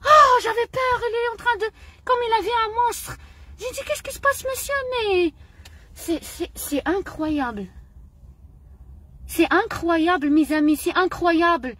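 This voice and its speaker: A woman's voice: very high-pitched, a little slow, fairly bright tone. A middle-aged woman from Morocco, speaking in an impassioned personal monologue, indignant and emotional, often repeating her phrases. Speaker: vlogger.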